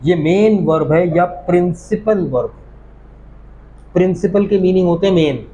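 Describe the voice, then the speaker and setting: High-voiced man teaching English grammar. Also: measured pace, mellow, highs cut off, slight background noise. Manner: explains patiently, asks the class questions. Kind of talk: classroom lecture. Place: classroom.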